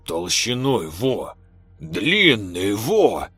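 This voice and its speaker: Slow slurring drunk village man, husky and hoarse, dry close sound, faint music behind, put on by a male storyteller. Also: mid-range voice, sing-song, fairly bright tone, no room sound, pitched above the performer's own voice, exaggerated voice. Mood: excited. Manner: slurred, drawn-out and insistent. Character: drunk, rambling middle-aged village man.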